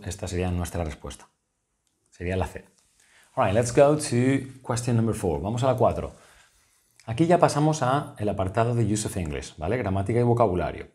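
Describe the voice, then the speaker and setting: A man's voice: on the low side, darkish tone. A man with a Spanish accent, a tutor patiently explaining exam answers step by step and often checking in with his listeners. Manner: patient, methodical, asks "¿vale?" often.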